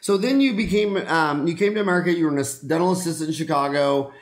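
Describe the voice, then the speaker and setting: A middle-aged man who is both a dentist and a podcast host talks quickly in a slightly high voice during a casual interview. He rambles enthusiastically, jokes around, and uses plenty of fillers.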